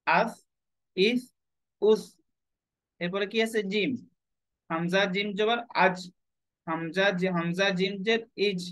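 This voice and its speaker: High-voiced man drilling Quran letter sounds. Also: low-quality recording. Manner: drills letter sounds in slow repeated patterns; asks learners questions, then answers himself. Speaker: Quran reading teacher. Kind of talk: online Quran reading lesson.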